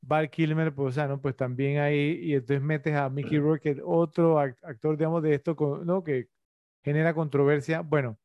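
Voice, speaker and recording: A man with a slightly high voice co-hosts a casual film podcast. He is opinionated and keeps asking his co-hosts for their take. The recording is close and dry, with no room sound. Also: steady tone, normal speed, dry recording, highs cut off. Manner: opinionated, questions the others. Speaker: podcast co-host.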